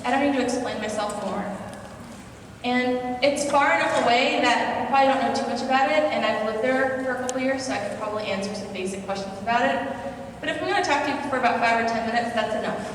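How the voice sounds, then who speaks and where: A young woman with an American accent, somewhat high-voiced, tells a personal story to a conference audience in a casual, self-deprecating way. She is picked up from a distance in a large hall, so her voice rings with long reverb. A steady hum of room noise sits under her words. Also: fast. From Singapore. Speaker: conference speaker. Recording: echoey hall, voice from far off.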